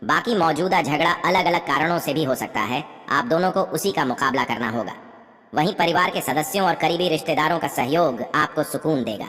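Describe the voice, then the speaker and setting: A woman reading a scripted horoscope in a steady way, often calling the listeners her friends. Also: low voice, a little fast, big-room sound. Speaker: horoscope presenter.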